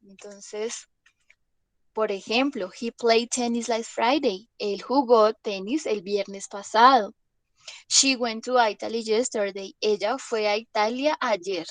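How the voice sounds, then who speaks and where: Speaking slowly in a slightly high voice, this female English teacher runs an online class with patient explanations. She keeps confirming understanding through tag questions, and the audio is dry.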